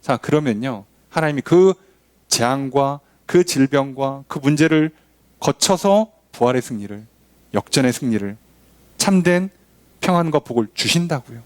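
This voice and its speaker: A man's voice: mid-range voice, animated, normal speed, no room sound. A male pastor preaching a sermon, asking the congregation rhetorical questions. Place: church.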